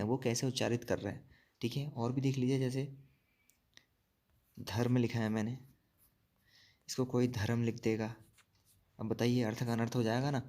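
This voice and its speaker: A man teaching an exam-prep spelling lesson, explaining slowly, repeating words and asking checking questions. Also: medium pitch, dark tone. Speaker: Hindi teacher.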